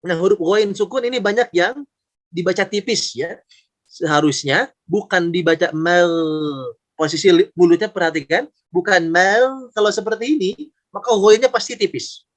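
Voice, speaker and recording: A man with a high voice teaching recitation over an online call. He is patient and methodical, stretching out each sound slowly and repeating it. His delivery is that of a careful teacher walking students through pronunciation. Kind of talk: online tajweed lesson. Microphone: video call.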